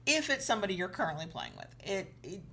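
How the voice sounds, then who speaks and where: Giving advice in conversation with a co-host on an educational program, a woman explains her points and emphasizes the key ones. She talks quickly in a mid-range, gravelly, somewhat bright voice whose pitch swoops wildly.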